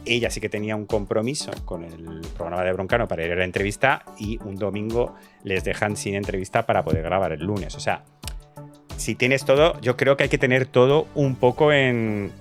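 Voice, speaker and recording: Hesitant man hosting news commentary. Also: mid-range voice. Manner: hesitant, many fillers and restarts. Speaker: host.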